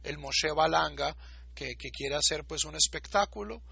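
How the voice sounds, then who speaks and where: A man's voice: fairly high pitch, normal speed, creaky, sharp tone, breathy edge, no echo, highs cut off. A man giving a recorded lecture, explaining patiently and repeating words to show how they are pronounced. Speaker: teacher.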